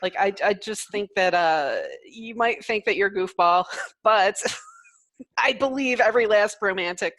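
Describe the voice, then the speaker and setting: A woman author talking casually on a video call, thoughtful and unhurried with fillers. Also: mid-range voice, a bit bright, dry recording.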